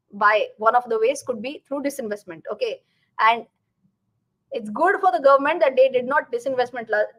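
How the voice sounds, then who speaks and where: A woman's voice: high voice, low-quality recording. A woman with an Indian accent chats casually as a live stream host, reading out and answering viewer comments and slipping Hindi phrases into English.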